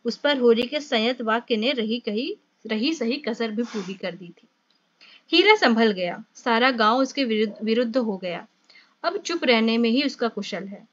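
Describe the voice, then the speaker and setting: A woman narrating a novel as an audiobook in a steady storytelling manner. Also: a little high, unhurried, no echo. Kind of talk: novel reading. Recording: dull lo-fi, dry.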